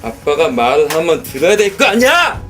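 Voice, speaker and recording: A man playing an angry drunken father who yells and curses at his child and wife, with music playing behind. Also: fairly high pitch, very animated, moderate pace. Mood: angry scolding. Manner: yelling, cursing, contemptuous. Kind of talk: amateur campaign drama.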